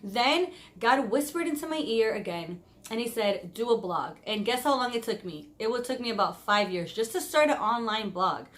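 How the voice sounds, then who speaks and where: A woman of about thirty talking to camera in a casual vlog, openly expressive and chatty, speaking of her faith. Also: a little high, moderate pace. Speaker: vlogger.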